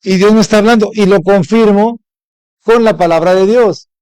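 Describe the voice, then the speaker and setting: A man's voice: high voice, normal speed, darkish tone, clear, resonant tone, no room sound, poor audio. A middle-aged Mexican man preaching a Sunday sermon as pastor, often asking his congregation questions. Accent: Mexican Spanish. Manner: asks the congregation frequent rhetorical questions.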